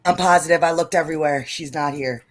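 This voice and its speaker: A woman with a New York accent hosting a casual live-stream chat, greeting viewers by name with excitable energy. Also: deep voice, fast. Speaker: host.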